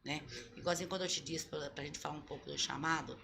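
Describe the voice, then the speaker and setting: A woman's voice: sits low, fairly even intonation, quick pace, vocal fry, noisy background. A woman pastor giving earnest, teaching answers in an interview, often repeating her key points. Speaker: pastor, guest. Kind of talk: sermon-like answers in a podcast interview.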